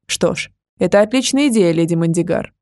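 A woman's voice: lowish voice, animated, fairly quick, darkish tone, no room sound, clean studio sound, close to an everyday voice. A woman voicing a cold, haughty male dragon duke in an audiobook, speaking in curt, commanding phrases. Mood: cool.

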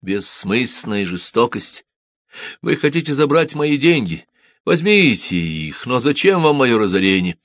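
A man voicing a calm, resigned farmer who pleads and reasons in a storybook reading. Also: medium pitch, dry recording, voice pushed up. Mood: reasoning. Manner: pleading, measured.

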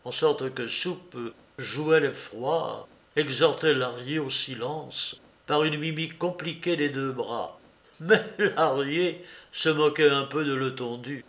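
A man with a mid-range voice narrates a classic novel as an audiobook reader. His delivery is measured and expressive.

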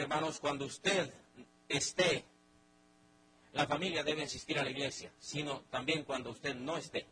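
A middle-aged man with a Mexican accent teaching a Bible study in a lively sermon style, acting out everyday family scenes with many restarts. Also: fairly high pitch, a little hiss or hum, poor audio.

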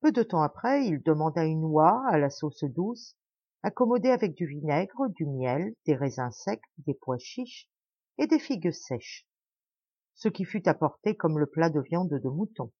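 A woman reading a classic tale aloud as an audiobook narrator, measured and expressive. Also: sits low, husky, dry recording, dull audio. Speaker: audiobook reader. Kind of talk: scripted narration.

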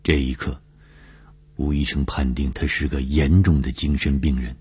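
A man narrating a broadcast story in a measured, dramatic way. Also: rumbling low, little pitch movement, darkish tone, breathy edge.

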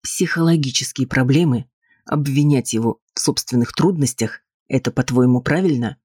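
A man's voice: medium pitch, moderate pace, darkish tone, slightly rough, natural voice. A man reading an audiobook, voicing a cold, condescending husband. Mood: dismissive. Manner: cool, patronizing, dismissive.

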